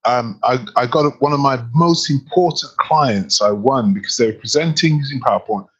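Man, podcast co-host, husky voice, emphatic and animated, slightly muffled recording. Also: mid-range voice, moderate pace. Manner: animated, emphatic, full of rhetorical questions. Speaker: podcast co-host, speaking coach. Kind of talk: casual podcast chat.

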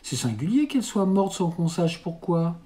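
A man's voice: high voice, very animated, normal speed, dark tone, voice pushed up. A man reading aloud, voicing a proper, genteel mother in a raised, exclaiming tone. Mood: perplexed.

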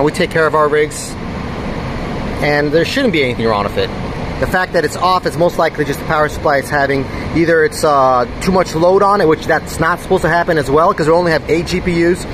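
A mining farm operator with a slightly high voice walks through a large indoor server room, filming one-handed on his phone. He casually explains hardware problems and thinks aloud while checking and handling the machines, with loud fans and air conditioning humming throughout.

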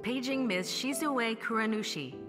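A woman voicing a calm hospital paging announcer in a video game, heard as a soft, quiet announcement over a distant loudspeaker. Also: fairly high pitch, normal speed, music in the background. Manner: quiet, even, polite announcing.

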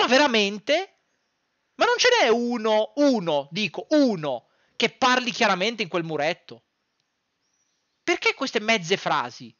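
A sports content creator talks to camera in a small, dim room at home, his voice pitched extremely high with a fairly bright tone. He is heated, exasperated and foul-mouthed, repeating phrases to hammer his points home. The recording is muffled, with no room sound.

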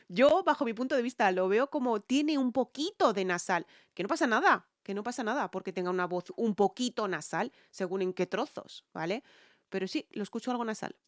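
A woman's voice: fairly high pitch, no echo. Spanish lady singer doing a song reaction, spain accent, chatty and analytical, dry close sound. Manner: chatty, analytical, often checks in with viewers.

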